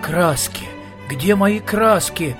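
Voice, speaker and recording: A man's voice: sits high, expressive, slow pace, music in the background, pitched above the performer's own voice. Man doing an absent-minded genius inventor. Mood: distracted. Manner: musing, thoughtful, trailing off with hums.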